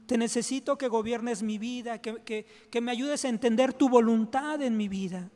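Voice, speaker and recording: High-voiced pastor praying fervently. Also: male voice, normal speed, darkish tone. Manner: fervent prayer, repeating "Dios, Señor" between phrases. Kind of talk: sermon closing and prayer. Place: church. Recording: music playing behind the voice.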